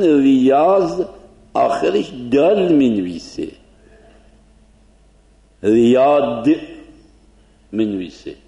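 A man's voice: medium pitch, creaky, warm tone. A man giving an informal lecture to a class, explaining conversationally and asking rhetorical questions.

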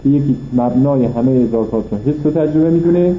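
A man's voice: medium pitch, echoey room, narrow, tinny audio, slight background noise. A man teaching a philosophy lesson, reading passages from a text and explaining them point by point with rhetorical questions. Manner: reads Arabic passages then explains them in Persian. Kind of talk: classroom lecture reading and explaining an Arabic text.

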